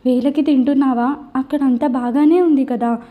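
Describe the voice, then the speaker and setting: A woman's voice: sits high, fairly even intonation, moderate pace, phone-quality sound, natural voice. A woman voicing a middle-aged mother tearfully asking after her daughter in an audio story.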